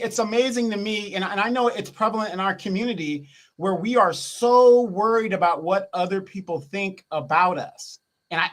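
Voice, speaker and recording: A man co-hosting a casual livestream, talking reflectively, often pausing and restarting as he searches for words. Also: high voice, fairly bright tone. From grew up in Japan. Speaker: livestream co-host.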